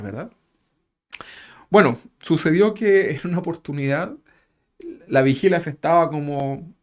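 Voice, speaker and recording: A man preaching a sermon in a relaxed, conversational way, chuckling as he tells a story and tagging his phrases with questions. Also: on the high side. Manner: conversational, tag questions after nearly every phrase; chuckles while telling a story.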